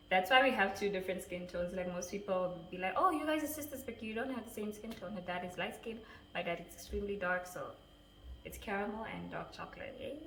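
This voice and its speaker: A woman's voice: medium pitch, a bit bright. A woman in her twenties chatting casually as a vlogger, answering viewer questions, giggling and stumbling over names. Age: 20s. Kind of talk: casual Q&A chat. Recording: echoey room with faint noise.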